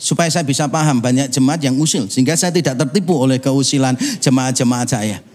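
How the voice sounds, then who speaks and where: A man from Indonesia preaching a sermon as pastor, telling animated, humorous stories and mimicking other people's voices. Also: mid-range voice, fairly quick. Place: church.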